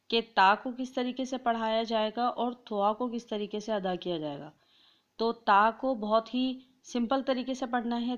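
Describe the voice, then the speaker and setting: A woman teaches letter pronunciation in an instructional lesson. Her voice sits fairly high and she draws out each sound slowly so listeners can copy it. The recording sounds dull and lo-fi. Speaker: Quran reading teacher.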